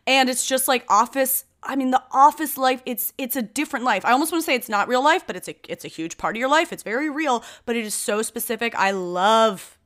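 A woman's voice: fairly high pitch, brisk, hardly any pauses, fairly bright tone. A woman co-hosting a podcast in casual comedic chat, speaking frankly and emphatically, repeating phrases for effect. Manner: frank, sweary. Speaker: podcast co-host.

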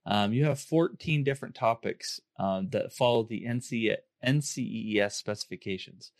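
A man with a hoarse, under-the-weather voice, hosting a podcast in an informal, upbeat way. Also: fairly low pitch, normal speed, dry recording, clean studio sound. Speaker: podcast host. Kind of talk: casual podcast talk to listeners.

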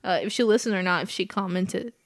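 A woman with a soft, soothing voice, hosting a podcast in casual chat and laughing often. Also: medium pitch, quick pace. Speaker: podcast host.

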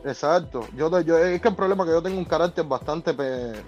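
Excitable Cuban man on a muffled line. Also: a little high, fairly quick, loud music behind the voice. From Cuba. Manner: loud, excitable, restarts words often. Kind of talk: casual live podcast chat.

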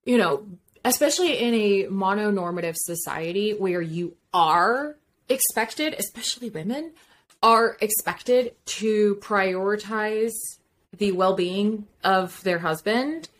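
A woman's voice: medium pitch, slow pace. A woman co-hosting a podcast in casual chat, frank and emphatic, swearing and laughing easily. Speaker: podcast co-host.

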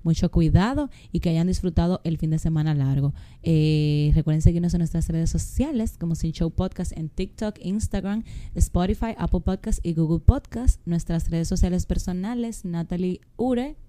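Woman, young adult, podcast host, casual chat, animated storyteller, low-ish mellow voice. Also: moderate pace.

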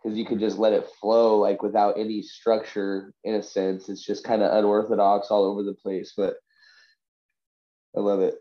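Stuffed up from covid, this Vancouver man, a podcast guest who raps and writes poetry for fun, trades personal stories in loose, slangy talk peppered with dude, bro and you know. His low voice comes out flat at a moderate pace, and the recording lacks high frequencies.

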